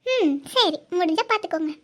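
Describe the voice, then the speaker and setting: A young village heroine, voiced by a woman talks in a teasing, soft way in a cartoon. Her voice is high and bright. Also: animated, moderate pace. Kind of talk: cartoon voice acting.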